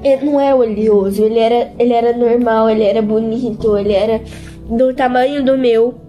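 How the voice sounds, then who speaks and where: A teenage girl giving an emotional testimony in an interview, speaking earnestly and haltingly and repeating words over and over. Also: on the high side, steady tone, highs cut off, faint music behind.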